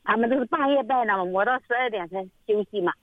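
A woman's voice: a little high, fast talker, no echo. Middle-aged woman caller, rambling and repetitive, tinny phone line. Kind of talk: phone-in call.

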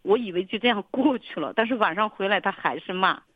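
A woman rambles earnestly over a thin, tinny phone line, circling back and repeating phrases as she goes on. Her voice sits at a middle pitch in a completely dry sound. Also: fast, no echo. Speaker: caller. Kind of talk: radio call-in counseling.

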